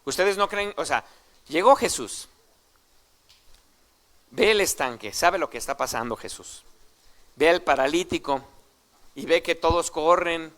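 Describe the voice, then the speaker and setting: A man's voice: a little high, expressive, unhurried, long pauses, a bit bright. A man with a Mexican Spanish accent preaching a sermon in a conversational way, full of rhetorical questions and tag questions to the congregation. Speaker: pastor.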